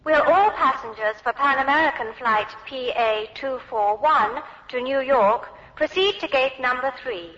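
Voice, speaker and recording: A bright formal airport announcer. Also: female voice, high voice, animated. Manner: clear, measured, formal. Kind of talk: scripted public address announcements. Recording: muffled echoey hall.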